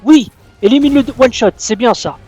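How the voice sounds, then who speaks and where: A man giving live gameplay commentary as a gaming YouTuber, raging and swearing with loud exclamations. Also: extremely high pitch, moderate pace, soft background music.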